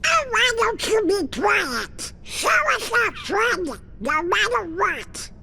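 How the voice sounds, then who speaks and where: A man voicing a feisty, loyal little cartoon duck in a video game, with a raspy, garbled quack of a voice. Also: very high-pitched, very animated, slow pace, bright, forceful tone, heavily acted. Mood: indignant. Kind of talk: animated game voice acting. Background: game music.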